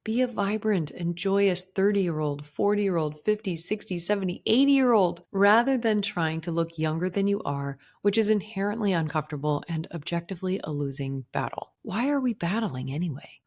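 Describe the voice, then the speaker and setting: A woman in her forties, a podcast host, sharing a gentle, earnest personal reflection. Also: fairly low pitch, expressive, normal speed, few pauses. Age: 40s. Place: indoors.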